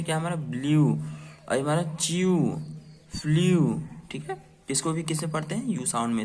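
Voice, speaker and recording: Man teaching phonics. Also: on the high side. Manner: asks and answers his own questions; spells words letter by letter. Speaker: English teacher. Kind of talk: spoken phonics lesson.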